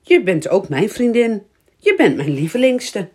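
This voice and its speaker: A woman voicing a bold, teasing little girl in a children's storybook reading, with a high, excited squeal. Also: a little slow, husky.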